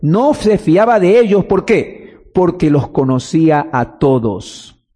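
A man's voice: a little high, sing-song, takes it slowly, dark tone, breathy edge. A man preaching a teaching sermon in Spanish, quoting scripture and answering his own questions. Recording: long reverb of a hall.

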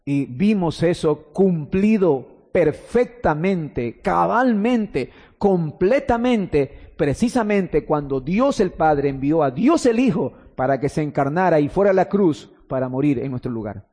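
High-voiced man preaching in a reverberant hall. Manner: impassioned preaching, swinging from loud exclamations to hushed drawn-out phrases. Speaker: pastor. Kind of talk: sermon.

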